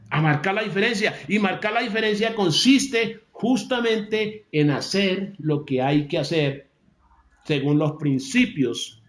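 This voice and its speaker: A man giving a motivational talk, emphatic, repeating key phrases and slowing down to stress them. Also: on the high side, roomy sound. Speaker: motivational speaker.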